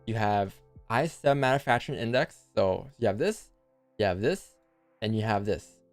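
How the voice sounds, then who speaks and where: A man's voice: fairly low pitch, lively intonation, normal speed. A man hosting a live trading stream in casual, instructive chat, with a speech impediment that keeps him from pronouncing his R's properly. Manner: instructing, rhetorical questions, repeats points. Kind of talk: livestream commentary and casual chat. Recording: music behind. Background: music.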